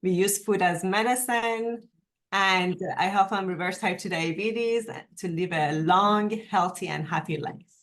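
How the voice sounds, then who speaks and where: A woman from Iran, a nurse and health coach talking as a podcast guest, earnest and quick to laugh. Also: mid-range voice. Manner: warm, laughs easily, earnest. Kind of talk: podcast interview.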